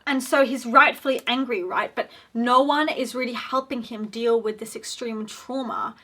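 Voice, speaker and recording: Bright, chatty young woman commentator. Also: on the high side. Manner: chatty, frequent "like" fillers, opinionated. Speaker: video essayist. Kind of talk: casual commentary.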